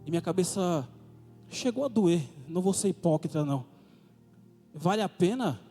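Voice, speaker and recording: Speaking with a Brazilian Portuguese accent, a man preaches a testimony sermon in church, packed with fervent, repeated rhetorical questions. His high voice is animated and dark-toned at a moderate pace. The recording carries the reverb of a church hall, with music.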